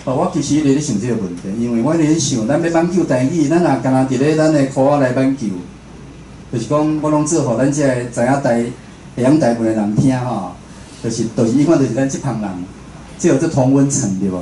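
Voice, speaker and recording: At an indoor talk venue, a radio station director and host with a Taiwanese accent gives a relaxed public lecture, quizzing the audience as he goes in a conversational way. His mid-range voice is dark and quick-paced, captured with room echo and faint background noise.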